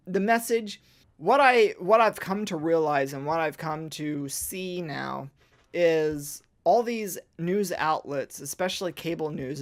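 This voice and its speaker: A woman's voice: mid-range voice, darkish tone. A woman ranting in a casual vlog monologue, sarcastic and increasingly fired up, a little tipsy. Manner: slightly tipsy from drinking. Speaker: vlogger.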